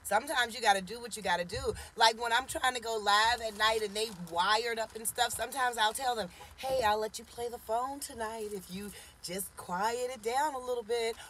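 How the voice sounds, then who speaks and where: A woman in her forties runs an easygoing live stream from a parked car, teasing and saying hello to viewers by name. Her fairly high, slightly bright voice moves at a moderate pace with hardly any pauses, captured by a phone at arm's length amid slight background noise.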